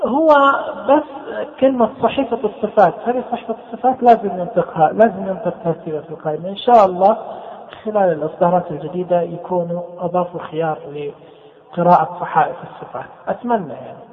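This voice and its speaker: High-voiced man teaching over a tinny line. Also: fast. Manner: explains step by step, repeats key terms. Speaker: instructor. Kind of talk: screen-reader software tutorial. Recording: tinny phone-like sound with long reverb.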